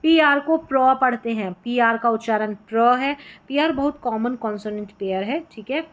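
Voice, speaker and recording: A woman teaching English spelling sounds in a phonics lesson, patiently repeating each word and checking with quick questions. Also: a little high, highs cut off.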